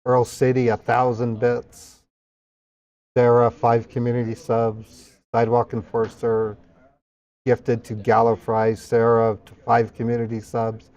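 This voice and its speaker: A man's voice: medium pitch, monotone, unhurried, a little mellow, muffled recording. A man hosting a livestream in subathon hype style, reading out donations and thanking viewers, with casual exclamations of appreciation between names and numbers. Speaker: livestream host.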